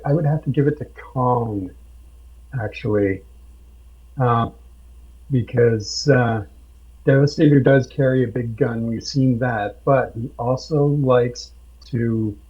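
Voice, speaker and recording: A man on a podcast, telling a tabletop game story slowly with many pauses and fillers. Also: mid-range voice, husky. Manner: slow, halting with many fillers. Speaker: podcast guest, game master. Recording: dull lo-fi sound.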